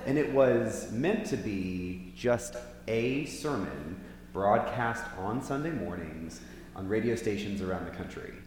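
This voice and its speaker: A man pastor leading a casual Bible study, chatty and joking, his voice echoing through a large church hall. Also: lowish voice. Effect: big hall echo. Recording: echoey hall with faint hum.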